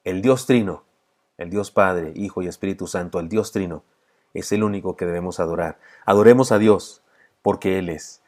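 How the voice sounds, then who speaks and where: A male pastor with a Mexican Spanish accent delivering a sermon, retelling a film story and then laying out his points one by one in a measured preaching manner. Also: deep voice, a little mellow. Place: church.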